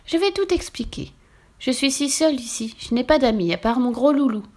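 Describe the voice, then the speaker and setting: A woman voicing a lonely, kind old forest witch in a storybook reading, with a high, cheery, sing-song manner. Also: expressive, a little fast, darkish tone. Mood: wistful.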